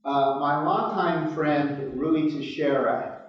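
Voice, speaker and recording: Man moderating in an echoey, muffled low-quality stream. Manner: hesitant, many filler pauses. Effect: low-quality live stream recording. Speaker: panel moderator. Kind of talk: moderating a live conference panel. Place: conference hall. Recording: distant, echoey, muffled hall recording.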